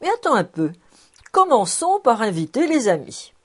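A woman's voice: fairly high pitch, big pitch swings, normal speed, husky, voice pushed up. A woman voicing a jovial, generous middle-aged bachelor who talks in a hearty, commanding way. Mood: bossy, cheerful.

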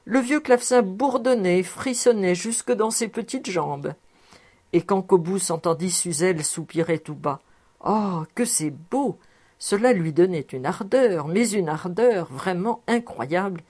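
A woman narrating a classic novel aloud in a measured, expressive way. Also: on the low side. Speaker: audiobook reader.

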